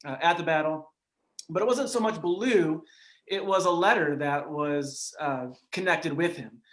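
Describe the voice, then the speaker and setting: A man hosting a casual history chat, easygoing with lots of "uh"s, reading an old letter aloud slowly and earnestly. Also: on the high side. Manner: easygoing, with filler "uh"s and laughs, reads slowly and earnestly. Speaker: historian podcast host.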